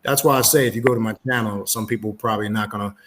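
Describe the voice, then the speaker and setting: A man as a guest on a casual livestream interview, explaining at length in a measured way with frequent "uh" and "um". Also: fairly low pitch, fairly even intonation, a bit bright.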